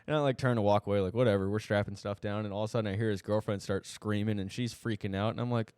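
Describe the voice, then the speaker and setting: A man co-hosting a casual podcast, spinning a story with lively quoted asides. His voice is lowish and recorded dry and close. He talks like a friend recounting his weekend. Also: very fast, smooth, no echo. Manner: animated storyteller, acts out quotes. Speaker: podcast co-host.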